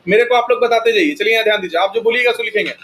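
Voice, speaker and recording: A man's voice: high-pitched, rapid-fire, a bit bright, poor audio. A man teaching accounting to a class. He keeps firing questions at the students and often answers them himself. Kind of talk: classroom lecture.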